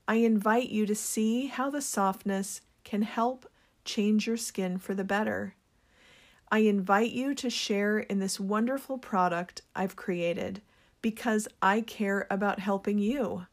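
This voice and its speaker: A woman speaking slowly and with care, in an unhurried, earnest tone. She runs a small business and talks openly about sharing what she makes. Her pitch sits in a middle range. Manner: slow, gentle and earnest; introverted. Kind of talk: reflective personal talk.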